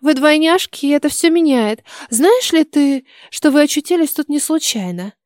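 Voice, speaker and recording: A woman's voice: high voice, lively intonation, normal speed, a little mellow, dry recording, clean studio sound, pitched above the performer's own voice. A woman reading the lines of a cruel, cunning old witch in an audiobook, speaking in a coaxing, menacing way.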